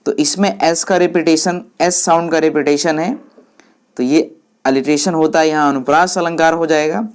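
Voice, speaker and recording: A woman teaching English, explaining each point slowly and repeating English phrases in Hindi while speaking to viewers as friends. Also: low-pitched, fairly even intonation, a little mellow.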